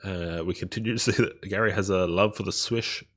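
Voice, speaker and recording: A man hosting a solo podcast, sounding nasal from a cold, talking hesitantly with many pauses and fillers. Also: deep voice, steady tone. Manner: hesitant, many ums and uhs. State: nasal, blocked nose from a cold. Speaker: podcast host.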